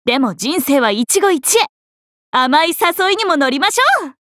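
High, animated young swordswoman, Miyamoto Musashi. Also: normal speed, dry recording, studio quality. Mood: upbeat. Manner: playful, expressive, swinging between teasing and flustered. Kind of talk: Japanese anime-style mobile game character acting.

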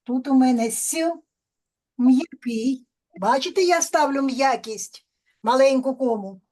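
A woman teacher, explaining a language lesson to children slowly and patiently, step by step. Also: high-pitched, darkish tone.

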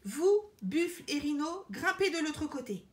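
A woman voicing a wise, calm female bonobo queen who speaks firmly and reproaches gently. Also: high voice, unhurried, very noisy, voice pushed up. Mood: resolute.

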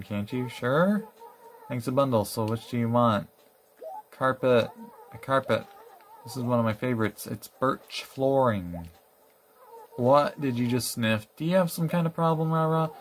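A man's voice: mid-range voice, moderate pace, a little hiss or hum, natural voice. A man reading the lines of a demanding, sarcastic animal villager in a video game, who tacks a catchphrase onto sentences. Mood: pushy.

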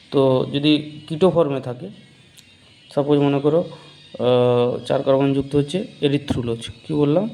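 A man teaching a biology lesson in Bengali-accented speech, asking the class questions and answering them himself, repeating key terms slowly. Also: mid-range voice, warm tone. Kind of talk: whiteboard chemistry lesson.

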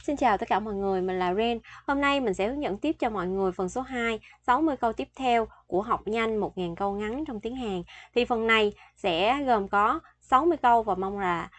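A woman's voice: a little high, brisk, few pauses. A woman in her thirties teaching a language lesson, patiently explaining and repeating example phrases several times.

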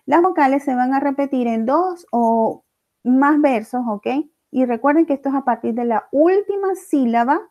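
A woman's voice: sits high, animated, normal speed, mellow. A woman teacher explains a lesson step by step, often checking in with the class. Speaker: language teacher. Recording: dull lo-fi recording.

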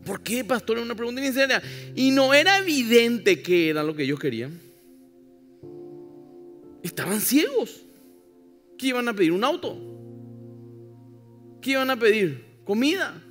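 A man's voice: very high-pitched, very animated, moderate pace, pauses often, a bit bright. A male pastor preaching a sermon emphatically, with wry irony and asides to the congregation. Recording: live church hall with long reverb, faint music.

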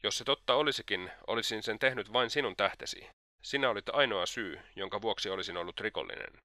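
A man's voice: lowish voice, sharp tone, dry recording, clean studio sound. Man doing a taunting, mocking seducer. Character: scheming sensual man, mocking and persistent.

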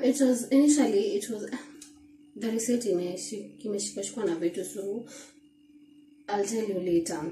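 A woman's voice: medium pitch, recorded from a distance. A young Kenyan woman in her twenties with a Kenyan accent, chatting casually at home about her grocery haul, repeating words and dropping in Swahili phrases. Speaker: vlogger. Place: small room at home, indoors. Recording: echoey room, a little off-mic, faint noise.

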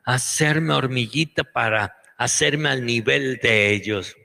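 A man voicing a kindly male zoologist who loves ants, coaxing them in a high falsetto. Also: slow, vocal fry, bright, forceful tone, exaggerated voice. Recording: long hall reverb.

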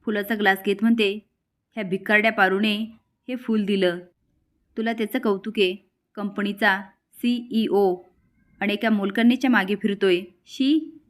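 A woman's voice: mid-range voice, fairly even intonation, normal speed, close to an everyday voice. A woman voicing a scheming, jealous young wife who speaks with scorn and open threats. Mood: scornful.

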